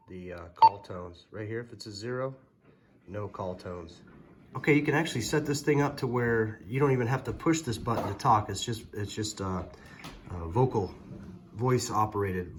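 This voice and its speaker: Explaining step by step in a hesitant manner, a product reviewer with a lowish voice gives a casual, hands-on gadget tutorial at a moderate pace. The recording is very noisy, full of electronic beeps and clicks.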